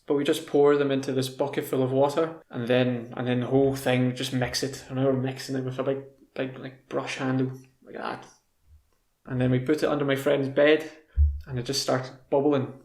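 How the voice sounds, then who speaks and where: Gravelly Scottish young man. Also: mid-range voice, brisk, reverberant. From Scotland. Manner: relaxed, rambling, with fillers and restarts. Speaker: language video host. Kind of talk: casual storytelling for English learners.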